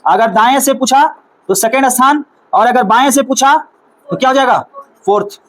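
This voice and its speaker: A man's voice: very high-pitched, moderate pace, fairly bright tone, low-quality recording. A man teaching a reasoning class with a Bihari Hindi accent, repeating questions and coaxing his students toward each answer.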